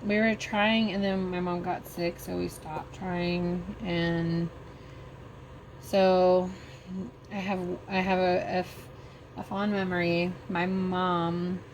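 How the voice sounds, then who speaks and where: A middle-aged woman vlogger slowly telling a personal story while crafting, halting and emotional. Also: fairly low pitch, little pitch movement, a little hiss or hum.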